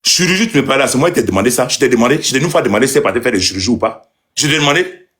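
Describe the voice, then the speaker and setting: A man's voice: mid-range voice, animated, rapid-fire, a bit bright. A man, ranting angrily and hurling insults in a heated live monologue. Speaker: landlord ranting on a live stream.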